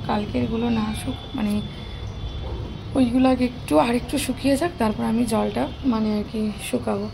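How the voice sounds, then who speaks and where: A woman's voice: on the high side, vocal fry, background noise. A young woman with a Bengali accent, a mother of two, chatting casually to her viewers in a home vlog. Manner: chatty, speaks softly at times so the baby stays asleep.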